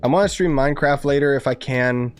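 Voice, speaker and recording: A man with a medium-pitched, fairly quick, smooth voice live streams a game over soft background music. His commentary is casual, rambling and full of gamer slang, and his voice is a bit worn from coughing as he loses it.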